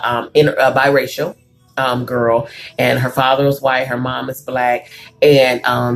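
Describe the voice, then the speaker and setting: A woman hosting a live talk show, telling a story in a conversational way, reading out viewer comments and driving her point home emphatically. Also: extremely low pitch. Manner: emphatic, preachy. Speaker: talk show host and counselor.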